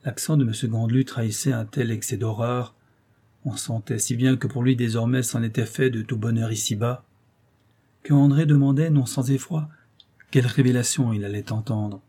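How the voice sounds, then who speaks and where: A man narrating a classic novel as an audiobook, in a measured, even storytelling delivery. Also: medium pitch.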